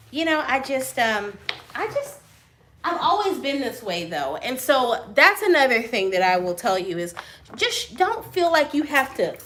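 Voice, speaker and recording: There's slight background noise as this shop owner answers viewers live from her print shop office. She's loud and expressive, laughs a lot, and jokes that her high-pitched voice resembles a cartoon mouse.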